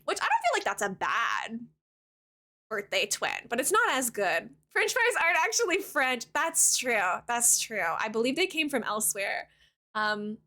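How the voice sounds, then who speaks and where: Bubbly high-voiced young woman streamer. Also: bright, forceful tone. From Canada. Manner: bubbly, giggly, chatty with viewers. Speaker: game streamer. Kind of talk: casual live-stream chat.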